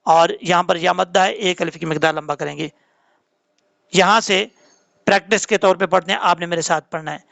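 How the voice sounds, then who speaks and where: A man teaching Quran recitation rules in a tajweed lesson, spelling out letters and then reciting them slowly and drawn out. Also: high-pitched, steady tone, vocal fry, fairly bright tone, dry recording. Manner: patient, drawn-out chanted recitation between quick explanations.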